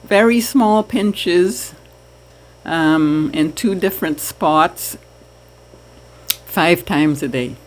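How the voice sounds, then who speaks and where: A woman from Trinidad talks to her viewers at a slow, easy pace. Her voice sits a little low, and she chats warmly about her aquarium with the odd soft laugh. The delivery is relaxed and conversational. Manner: slow, chatty, laughs softly. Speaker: aquarium hobby vlogger. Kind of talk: casual chat to camera.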